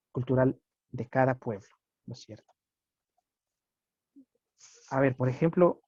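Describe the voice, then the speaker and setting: A man's voice: mid-range voice, dark tone, slightly rough, no room sound. A man giving a classroom lecture, often checking with his students by asking "right?". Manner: checks understanding with frequent tag questions. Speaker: teacher. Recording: muffled lo-fi recording.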